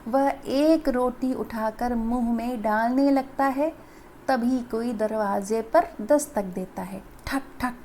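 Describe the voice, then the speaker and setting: A woman's voice: on the high side, dark tone, a little hiss or hum. A woman teacher explaining a story to children and quizzing them with countdowns. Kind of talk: children's Hindi lesson, reading a story.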